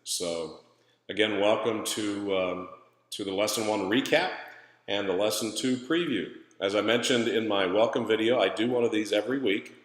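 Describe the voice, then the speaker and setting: A man giving an informal recorded lesson recap as an instructor, conversational and halting, with a hallway echo from an empty room. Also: on the low side. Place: empty room in a new place, indoors. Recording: echoey empty room, long reverb.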